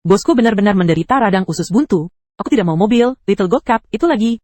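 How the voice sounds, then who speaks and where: Synthetic female voice, text-to-speech, anime recap narration, rapid, bouncy pitch. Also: lively intonation, a little mellow, dry recording. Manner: reads every character's lines in the same voice.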